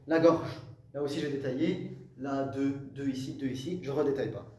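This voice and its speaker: A man's voice: medium pitch, fairly even intonation, fairly quick, warm tone. A man teaching a classroom lesson on Arabic letters, explaining step by step, repeating terms and checking in with his students. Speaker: Quran recitation teacher. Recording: roomy echo, distant mic, faint hum.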